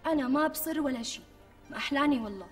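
An actress playing a pampered, demanding young pregnant wife with a Syrian Damascene accent, wheedling and quick to take offence. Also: female voice, high-pitched, natural voice. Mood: coaxing. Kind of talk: TV sketch acting. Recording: distant mic with faint music.

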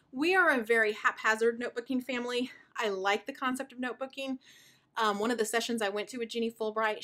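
A woman in her thirties, a homeschooling mother, explaining her curriculum in a chatty, enthusiastic way while out of breath and sighing. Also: fairly high pitch. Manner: chatty and warmly enthusiastic, with fillers. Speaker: homeschooling mother and video host. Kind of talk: casual show-and-tell explanation.

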